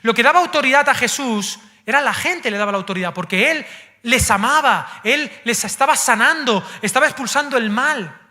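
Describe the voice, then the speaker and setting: A male pastor with a Spain Spanish accent, preaching a sermon and talking straight to his listeners, swinging from loud emphasis to hushed asides. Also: very high-pitched, animated, moderate pace. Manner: addresses the congregation directly and playfully.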